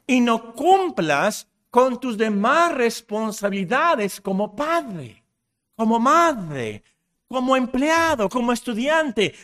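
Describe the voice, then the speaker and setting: A man's voice: extremely high pitch, fairly bright tone. A man preaching a sermon with passion, repeating short phrases to drive points home.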